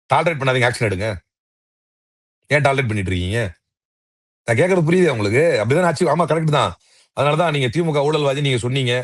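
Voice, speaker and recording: A man of medium pitch, a political commentator, clashes in a heated political argument as an interview guest, combative and scornful, with one rhetorical question after another. The studio-quality recording has no echo.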